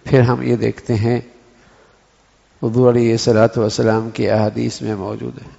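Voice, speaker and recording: Delivering an Islamic sermon, a preacher acts out one sentence in different tones to explain what he means. He speaks in a dark, mid-range voice with vocal fry and little pitch movement, and the hall recording is dull with a long reverb.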